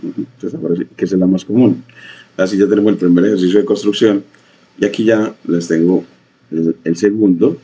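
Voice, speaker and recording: A man teaching a coding lesson, talking in a halting way with many fillers and repeated phrases. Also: sits low, fairly even intonation, mellow, husky. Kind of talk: screen-share coding lesson. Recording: dull lo-fi mic.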